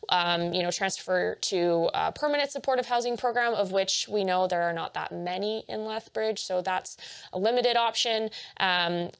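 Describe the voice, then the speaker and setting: A young woman gives a training presentation at a medium pitch. She talks quickly with frequent fillers and restarts, and her voice carries a gravelly vocal fry.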